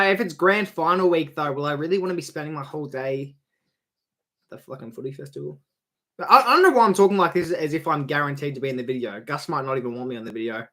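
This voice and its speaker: Rambling Australian streamer, fairly high voice. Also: male voice. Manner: chatty and rambling, swearing, louder on goals. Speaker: streamer calling a football match. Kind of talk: casual live-stream match commentary.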